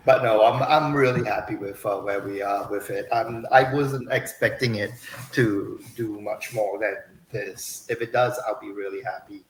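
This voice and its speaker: A man chatting informally and a little haltingly on a livestream as an author. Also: lowish voice. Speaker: author and publisher. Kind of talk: casual livestream chat. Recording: echoey room with faint noise.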